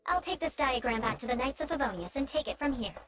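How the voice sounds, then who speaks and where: A woman's voice: high voice, lively intonation, fast talker, fairly bright tone, a little hiss or hum. A woman voicing a proud, vengeful young female knight in a video game, with haughty, theatrical, formal delivery. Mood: haughty, teasing.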